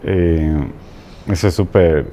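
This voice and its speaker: A man guest coach talking in a halting way, repeating words and checking in with "¿no?". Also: low-pitched, mellow, slight background noise. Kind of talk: casual conversation.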